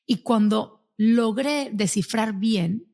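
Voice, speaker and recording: A woman hosting a casual interview, telling stories in an animated way. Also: a little high, takes it slowly, vocal fry. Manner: animated storyteller. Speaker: host.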